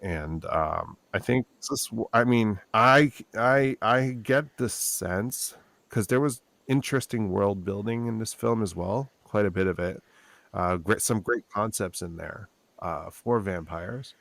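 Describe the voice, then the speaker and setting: A man's voice: lowish voice, unhurried, gravelly, a bit bright, dry recording. A sleep-deprived man in his thirties, co-hosting a podcast in casual chat, rambling and restarting his sentences. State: tired, low on sleep. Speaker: podcast co-host.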